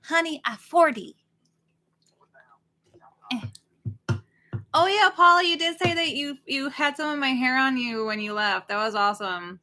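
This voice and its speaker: Woman, late thirties, somewhat high voice, very bright tone, chatty, rambling, casual livestream host. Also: measured pace, long pauses, slight background noise. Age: late 30s. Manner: chatty and rambling, reads out viewer names. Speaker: co-host of a horror watch-party stream.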